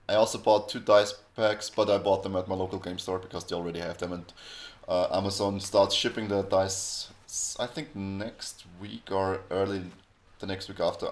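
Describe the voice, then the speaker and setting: Rambling low-voiced podcast host, man. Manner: rambling, frequent restarts and self-corrections. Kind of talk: casual podcast chat.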